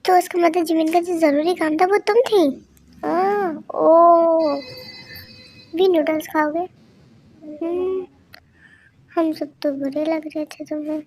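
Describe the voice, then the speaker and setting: Woman narrator for a homemade audio story; high, unhurried, hops between characters, light background hiss. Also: steady tone, a little mellow. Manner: switches quickly between character voices, lots of hums. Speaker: fan story narrator voicing all characters. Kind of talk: amateur audio drama reading.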